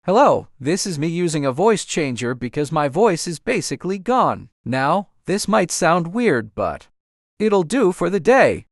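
A gamer speaking through a voice changer that lowers the voice, apologizing casually. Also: big pitch swings, a little slow, dry recording, studio quality. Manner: apologetic, explaining his lost voice. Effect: voice changer, deepened. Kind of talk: casual gaming video chat.

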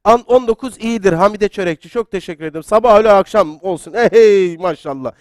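A high-pitched man hosts a live quiz stream with excitable, chatty energy. He reads viewer comments aloud and pushes the audience along. The sound is dry and close, with almost no room in it. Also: fast talker, no echo. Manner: excitable, gets loud then apologizes. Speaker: quiz show host.

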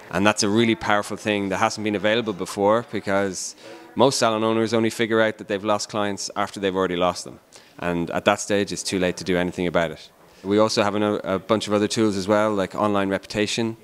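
A man in his thirties, a company founder, delivering a brisk, polished promotional pitch into a handheld mic at an indoor event. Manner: brisk, polished sales talk.

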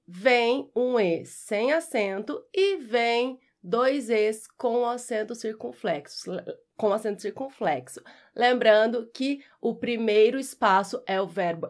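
A woman from Brazil with a Brazilian accent, teaching a scripted grammar lesson and spelling out syllables clearly. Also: a little high. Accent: Brazilian Portuguese. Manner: slow, clear, syllable-by-syllable explanations. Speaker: Portuguese teacher.

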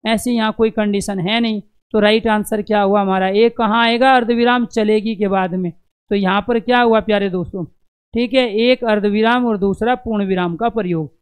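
A man's voice: sits high, fairly even intonation, normal speed, clear, resonant tone. A male Hindi teacher giving a live exam-prep class. He asks questions and answers them himself, repeats key words in lists, and calls his students dear friends.

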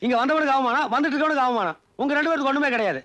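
A man's voice: very high-pitched, rapid-fire, bright, forceful tone, lo-fi sound. An actor playing a gray-haired village man who grumbles and teases in a film scene. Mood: grumbling.

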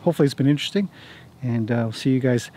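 This vlog host, a forties-aged man who owns a horse paddock, talks rapidly but mellowly in a mid-range voice as he strolls his wooded property. He rambles and explains in a laid-back, self-mocking manner straight to camera, with clear outdoor ambient noise around him.

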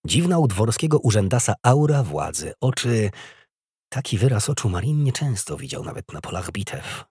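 A male audiobook narrator with a low, husky voice that rises and falls in lively swings. He reads in a measured, expressive way. The recording is dry and close to the mic. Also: no room sound. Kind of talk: scripted narration.

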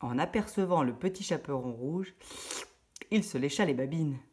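A woman reading a children's story aloud in a lively, expressive way. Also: low-pitched, normal speed, a little hiss or hum.

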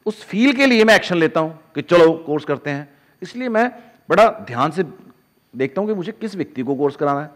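A man teaching in a casual lecture to camera, animated, acting out inner voices in asides. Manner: animated, acts out inner voices with sudden drops in pitch and loudness. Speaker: spiritual teacher.

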